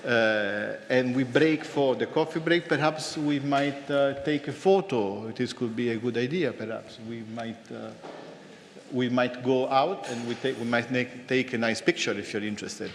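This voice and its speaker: A man chairing a formal conference, speaking haltingly as he searches for words. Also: mid-range voice. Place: large conference hall. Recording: reverberant hall, noisy, clicks.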